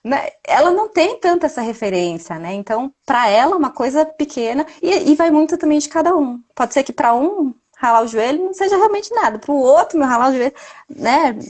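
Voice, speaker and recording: A woman's voice: high voice, lively intonation, fairly quick, a little mellow. A mother talking reflectively in a casual live video chat, often ending her points with a tag question.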